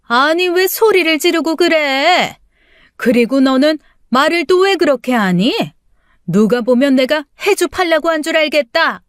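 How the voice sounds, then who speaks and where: A woman's voice: on the high side, expressive, unhurried, dry recording, clean studio sound. A woman doing a scheming old mother-in-law. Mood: scolding. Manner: coaxing, dismissive, scolding. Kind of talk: audiobook character voice.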